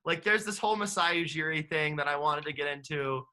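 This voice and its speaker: Bright, teasing male podcast host. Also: a little high, brisk. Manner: teasing, pushes others to talk. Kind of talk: casual sports chat.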